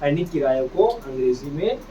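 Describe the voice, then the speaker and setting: A man's voice: a little high, expressive, moderate pace, mellow. A man teaching English phonics to a classroom, drilling each word by repeating it and asking the students back, and calling them "beta". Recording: distant, dull, noisy classroom recording.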